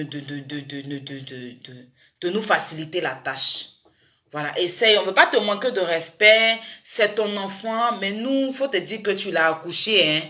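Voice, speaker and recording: A woman giving teasing, animated commentary with sudden loud exclamations. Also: fairly low pitch. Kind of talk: chatty commentary vlog. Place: in France.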